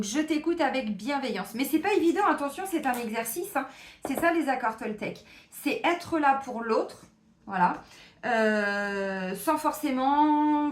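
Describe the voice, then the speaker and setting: A woman's voice: sits high, roomy sound. Chatty French-speaking woman reading cards. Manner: chatty, addresses viewers directly, many fillers. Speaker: tarot card reader and therapist. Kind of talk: casual weekly card reading to viewers.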